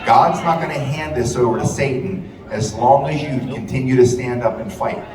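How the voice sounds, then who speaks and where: A man with a mid-range voice speaks at a moderate pace, delivering a fiery, repetitive, profanity-laced rally speech in a big event hall. He is a rally speaker and radio host, recorded from a distance in an echoey hall with a loud crowd and hall noise behind him.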